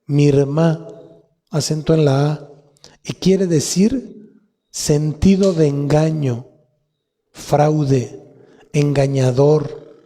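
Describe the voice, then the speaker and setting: Mexican pastor preaching in a reverberant hall. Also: male voice, a little high, dark tone. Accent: Mexican Spanish. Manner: teaching, spells out Hebrew roots slowly and repeats them. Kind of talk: sermon. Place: church hall. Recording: long reverb of a church hall.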